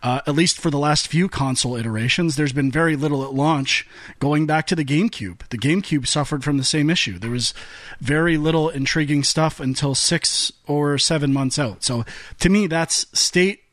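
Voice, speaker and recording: A man's voice: on the high side, normal speed, a bit bright, no room sound. A man co-hosting a gaming podcast, arguing in a fired-up, ranting way with stumbling restarts. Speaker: podcast co-host. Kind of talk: heated casual debate.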